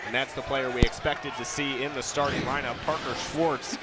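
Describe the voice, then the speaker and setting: A man's voice: medium pitch, fairly even intonation, normal speed. An American man calling live volleyball play-by-play, raising his voice on the big plays. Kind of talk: live sports commentary. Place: indoor sports arena during a match. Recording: loud gym noise, bouncing balls. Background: loud arena noise, balls bouncing.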